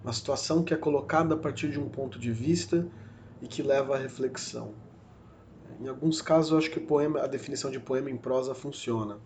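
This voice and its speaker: A man's voice: medium pitch, quick pace, a little mellow, a little hiss or hum. Reflective Brazilian man giving a lecture. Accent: Brazilian Portuguese. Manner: reflective, frequent fillers and self-corrections. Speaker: literature lecturer. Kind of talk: recorded university lecture podcast.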